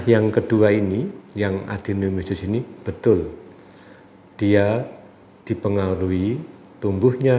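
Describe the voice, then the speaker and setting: A deep-voiced man, acting as a doctor, calmly and deliberately explains viewers' health questions. His voice is congested and a touch nasal from a cold, and the room is echoey with faint background noise.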